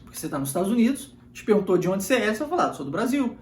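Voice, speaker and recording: A teacher from Minas Gerais giving an online language lesson, modelling phrases slowly and repeating them for learners. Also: mid-range voice, big pitch swings. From Minas Gerais, Brazil. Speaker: English teacher. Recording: echoey room.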